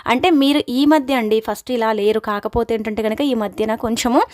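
A woman's voice: a little high, a little mellow, dry recording, clean studio sound. A woman presenting horoscope predictions as advice, talking in long runs full of repeated fillers. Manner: rapid, repetitive filler-laden advice. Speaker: astrology presenter.

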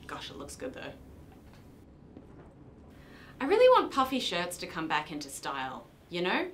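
Her voice is on the low side with huge pitch swings and normal speed, with slight background noise. This young woman who grew up in New Zealand hosts a relaxed gaming video in a small decorated room, chatting, poking fun at herself, and reacting loudly to the game over its music.

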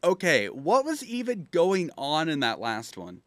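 Young male streamer, high-ish and swooping voice, repetitive excited reactions, casual commentary at a desk mic. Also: a little slow, background noise. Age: young adult. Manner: animated, blurts short reactions, repeats himself. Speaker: streamer reacting to meme videos. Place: small room at home, indoors. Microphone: close desk microphone.

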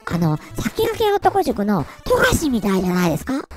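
A man's voice: high-pitched, huge pitch swings, normal speed, voice pushed up. A man using a voice changer to play a playful, girly female VTuber persona, with a synthetic, processed sound. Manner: playful, goofy outbursts.

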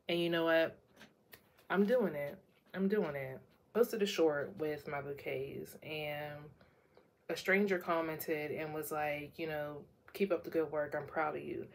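A woman's voice: fairly low pitch, slight background noise. A young woman vlogger who has been crying all morning, talking candidly and a bit ramblingly about her feelings. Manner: candid, tearful and rambling, with bursts of laughter. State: worn out from crying. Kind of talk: emotional personal vlog.

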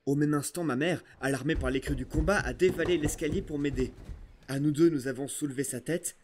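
A man narrating an adventure novel aloud in an expressive, storytelling way. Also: a little high, brisk, noisy background. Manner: expressive storytelling, first-person voice of a boy. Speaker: audiobook narrator. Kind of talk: scripted narration.

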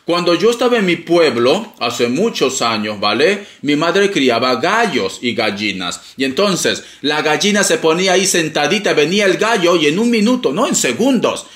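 A man's voice: fairly high pitch, sing-song, moderate pace, hardly any pauses, a bit bright. Theatrical, teasing tarot-reading man. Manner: playful, theatrical, teasing, calls listener darling. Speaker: tarot reader. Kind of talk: casual tarot reading monologue. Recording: echoey room.

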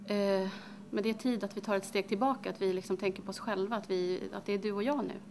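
An actress playing a middle-aged grieving mother, speaking haltingly with many pauses in a dramatic monologue. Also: medium pitch, steady tone, background noise, natural voice. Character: grieving mother, middle-aged, recalling her daughter's death.

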